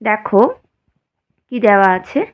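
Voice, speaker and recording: A woman teacher who is feeling unwell explains a science lesson slowly and simply, asking her students questions and answering them herself. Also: mid-range voice, steady tone, lo-fi sound. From West Bengal, India. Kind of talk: slow, simple classroom explanation.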